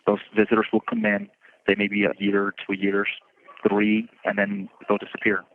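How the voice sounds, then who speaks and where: A man who is incarcerated answers interview questions over a prison phone line, speaking in a steady, plainspoken, reflective way. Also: fairly low pitch, moderate pace, slight background noise. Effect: heard over a prison phone line. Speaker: incarcerated student.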